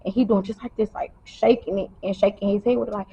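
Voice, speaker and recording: A woman tells her own story to camera, casual, colloquial and direct, fighting back tears as she talks. Her mid-range voice is husky, creaky and dark in tone, with fairly even intonation and a fast pace. The sound is dull and lo-fi.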